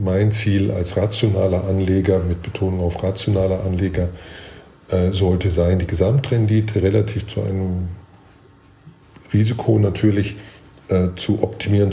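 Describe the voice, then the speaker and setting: A man, a guest expert, explaining investing in a measured way, with many fillers and restarts. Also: low-pitched, warm tone, a little hiss or hum. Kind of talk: explanatory podcast talk.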